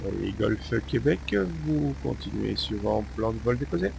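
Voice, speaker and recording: A man working as air traffic controller, giving radio clearances in a halting way. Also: on the low side, lively intonation. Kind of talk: radio clearances with standard phraseology. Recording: noisy radio with engine hum.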